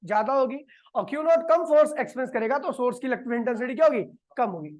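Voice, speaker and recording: A man with a notably high voice teaches physics to a room of students. He keeps asking short questions and answering them in the same breath. At times he slows to a crawl to dictate a definition. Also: lively intonation. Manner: quizzes the class and answers his own questions. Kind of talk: classroom lecture. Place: classroom with a board.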